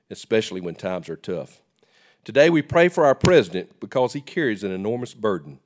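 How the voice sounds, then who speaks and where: Low-voiced man leading a solemn public prayer. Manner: solemn, measured phrases that start strong and fall away. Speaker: state legislator leading prayer. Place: legislative chamber, at the podium.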